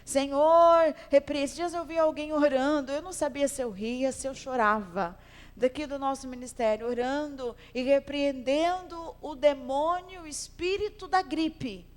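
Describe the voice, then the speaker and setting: A woman's voice: sits high, normal speed. A woman pastor teaching a Sunday school Bible class in a conversational way, asking the class questions and repeating her phrases. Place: church hall. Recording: long hall reverb.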